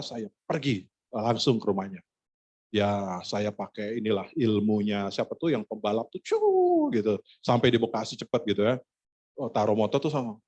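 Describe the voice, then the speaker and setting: A male pastor telling a personal story in a sermon, animated and self-mocking, acting out the dialogue. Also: lowish voice. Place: church service.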